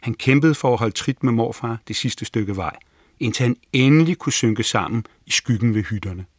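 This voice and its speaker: A man narrating a children's storybook aloud in a calm storytelling manner, lifting his voice for the characters' lines. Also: mid-range voice, no echo, clean studio sound. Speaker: audiobook narrator.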